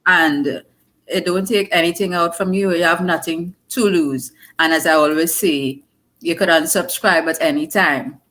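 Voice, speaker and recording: A woman's voice: on the low side, fairly even intonation, moderate pace, fairly bright tone. A woman from Trinidad and Tobago with a Trinidadian accent, explaining her work earnestly as an interview guest. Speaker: guest, digital marketer. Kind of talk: casual interview chat.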